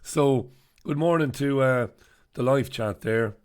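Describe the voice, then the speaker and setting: A man's voice: medium pitch, takes it slowly, darkish tone. A man with a head cold, hosting a casual live stream where he reviews the newspapers, with sardonic, jokey asides. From United Kingdom. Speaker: host.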